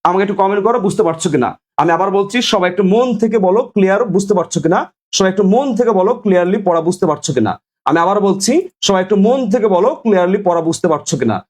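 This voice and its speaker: A man's voice: sits high, expressive, very fast. A young man teaching an online exam-prep lesson, drilling students with repeated questions and asking viewers to comment.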